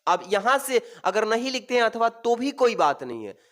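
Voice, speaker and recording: A man's voice: very high-pitched, big pitch swings, normal speed, fairly bright tone. A man teaching an exam-prep lesson, calling his students "babu" and repeating each question to reassure them.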